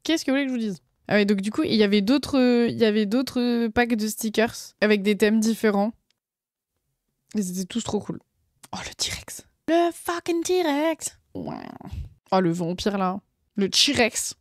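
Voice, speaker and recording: A woman's voice: mid-range voice, normal speed, no echo, clean studio sound. A young woman, chatting casually on a live stream and gushing over her convention finds with lots of fillers. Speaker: streamer showing convention purchases.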